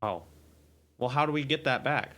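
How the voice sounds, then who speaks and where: Halting, questioning man. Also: mid-range voice, a bit bright. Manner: halting, repeats words, keeps asking questions. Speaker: improviser acting as confused player. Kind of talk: improv comedy.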